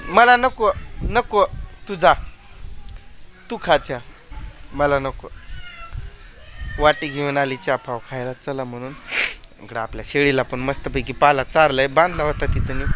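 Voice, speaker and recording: A man's voice: a little high, a little hiss or hum. A man chatting casually to viewers as he films around his farm, pointing things out as he goes. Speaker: village vlogger. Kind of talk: casual vlog narration. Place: outdoors on a farm.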